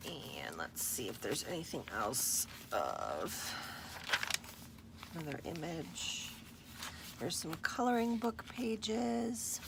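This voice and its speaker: Woman, casual crafting vlog, slow relaxed delivery, slightly low pitch, husky morning voice, noisy background. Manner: relaxed and unhurried, with fillers. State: morning voice, clearing throat. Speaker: journal maker showing her work. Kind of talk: casual show-and-tell vlog.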